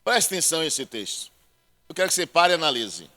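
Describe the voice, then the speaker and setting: Bright-voiced animated male preacher. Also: quick pace. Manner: animated, joking asides to the congregation; swings between loud proclaiming and low asides. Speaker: pastor. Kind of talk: preaching a sermon.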